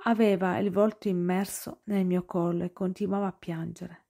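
A woman's voice: on the low side, fairly even intonation, normal speed, creaky, warm tone. A woman reading an audiobook in a dramatic narration style. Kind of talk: scripted narration.

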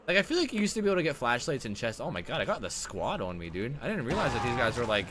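Profane, animated young man streaming. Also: very fast, heavy background noise. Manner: excitable and profane, swings between loud outbursts and low mutters. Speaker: streamer playing a survival horror game. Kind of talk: live-stream gameplay commentary.

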